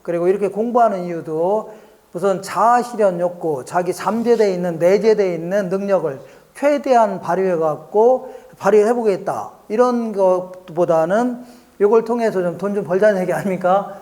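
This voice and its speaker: A man's voice: high-pitched, normal speed, darkish tone. A man giving an exam prep lecture, often asking his students questions and acting out small market scenes. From Korea. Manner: keeps asking the class questions; acts out market scenes in a dialogue.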